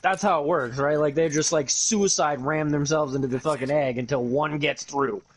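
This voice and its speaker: A man's voice: a little high, normal speed. A man chatting casually on a stream, blunt and crude in his jokes. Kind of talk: casual chat.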